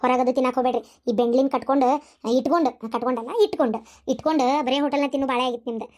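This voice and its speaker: Cartoon young wife, voiced by a woman: soft and coaxing, high-pitched, North Karnataka Kannada accent. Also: lively intonation, rapid-fire. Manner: coaxing, coy. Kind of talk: cartoon family comedy voice acting.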